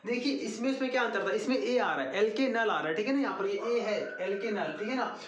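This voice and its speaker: A male teacher takes the class through a chemistry lesson at an unhurried pace. He repeats each formula and keeps asking questions that he answers himself. His voice sounds roomy and echoey. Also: high-pitched, over a noisy crowd. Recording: echoey room.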